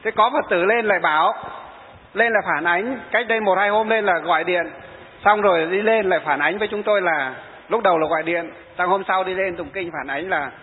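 Male monk, high voice, preaching with stories; tinny recording, faint hiss. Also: a little fast. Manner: storytelling, quoting followers and answering rhetorical questions. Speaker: Buddhist monk. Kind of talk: sermon. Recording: tinny phone-like sound in a reverberant hall.

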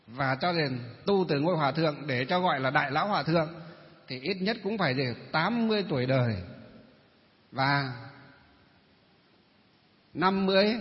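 A male Buddhist monk with a Northern Vietnamese accent giving a dharma talk, posing rhetorical questions and answering them himself. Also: on the high side. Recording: reverberant hall, dull muffled sound.

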